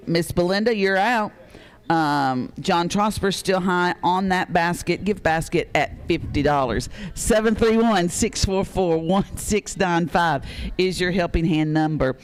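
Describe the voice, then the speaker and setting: A man's voice: sits high, clean tone. A man hosting a live charity auction, reading off bids and names in a folksy way with frequent fillers.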